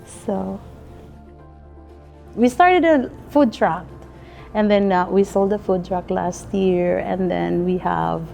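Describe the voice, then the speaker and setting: A woman's voice: mid-range voice, takes it slowly, creaky, long pauses, dark tone, soft background music. A middle-aged woman from the Philippines with a Filipino accent, talking earnestly in a casual interview and laughing often. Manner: earnest, laughs often, nonstandard English grammar. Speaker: restaurant owner and chef.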